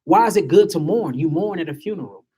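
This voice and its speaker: A man's voice: high voice, animated, fast talker, warm tone, slightly rough. A man giving an emphatic spiritual lecture to a small group, asking his listeners rhetorical questions.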